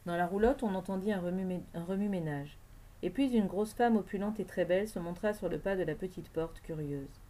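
A woman reading a novel aloud as audiobook narrator, in a steady literary manner. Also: lowish voice, a little fast. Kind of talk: scripted narration.

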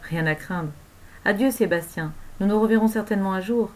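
A woman's voice: medium pitch, brisk, natural voice. A woman voicing a commanding man who gives orders in a read-aloud story.

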